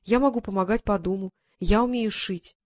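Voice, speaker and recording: A woman voicing a timid young woman in an audiobook, speaking gently and shyly. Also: medium pitch, moderate pace, no room sound, studio quality, close to an everyday voice. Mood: pleading. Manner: gentle, shy and pleading. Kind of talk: audiobook character reading.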